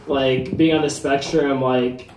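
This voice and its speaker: A man doing a stand-up comedy set, talking in a halting, deadpan way full of "like" and "um" fillers. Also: mid-range voice, a little hiss or hum. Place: comedy venue. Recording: roomy live venue echo, faint ambience.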